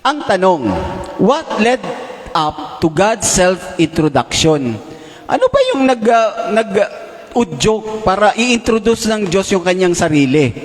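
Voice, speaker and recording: A man's voice: sits high, lively intonation, slow. A male preacher giving a sermon, addressing his listeners as brothers and sisters and posing rhetorical questions. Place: large worship hall. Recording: long reverb of a big hall.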